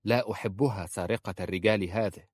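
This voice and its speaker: A man's voice: fairly low pitch, brisk, no room sound, natural voice. A man voicing a spiteful young woman who mocks and gloats. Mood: mocking. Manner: mocking, gloating. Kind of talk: audiobook character voice.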